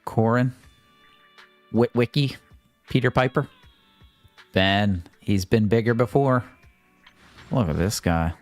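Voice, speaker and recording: A man's voice: mid-range voice, slow, long pauses. A man streaming a video game, giving casual, joking commentary and swearing freely. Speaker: gaming livestreamer. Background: faint game music.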